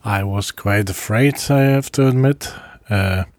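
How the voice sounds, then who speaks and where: Slow, halting man recounting his travels. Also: fairly low pitch, dry recording. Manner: halting, with frequent pauses and restarts; soft chuckles between phrases. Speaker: traveler recording a video diary. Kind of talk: casual first-person travel diary.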